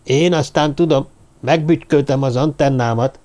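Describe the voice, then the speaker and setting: A man voicing a nervous, hushed little dwarf man who brings bad news, in an audiobook. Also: mid-range voice, lightly acted. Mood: worried. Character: anxious little dwarf man, the group's talker. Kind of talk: audiobook character voice.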